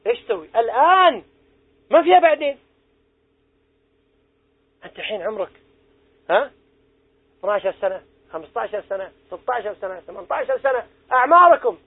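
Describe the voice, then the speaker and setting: A middle-aged preacher with a very high, very animated voice talks a little fast but leaves long pauses while earnestly exhorting young people in a religious lesson and questioning them. The dry recording sounds tinny and phone-like.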